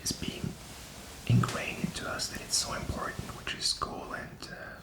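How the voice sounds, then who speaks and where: In a roomy-sounding clip, a man does ASMR, whispering at a moderate pace. His talk meanders in a reflective, casual way as he gropes through his thoughts.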